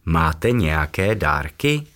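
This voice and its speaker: A cheerful little magical elf from a children's storybook, kindly and reassuring, as a man reads him aloud. The voice sits low and speaks warmly to its friends. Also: very animated, full character voice.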